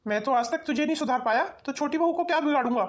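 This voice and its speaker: A woman's voice: high voice, quick pace, close to an everyday voice. Woman voicing a lecturing cartoon father-in-law. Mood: reproachful. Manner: reproachful, lecturing. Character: fair-minded older father-in-law. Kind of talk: cartoon voice acting.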